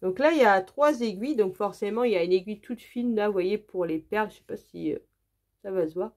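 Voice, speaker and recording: A woman from France talks through her craft kits in a chatty, eager way. Her voice sits at an everyday middle pitch, with lots of fillers and repeated praise. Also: fairly quick, a little mellow. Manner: chatty, enthusiastic, many fillers. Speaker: craft vlogger. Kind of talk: casual unboxing chat.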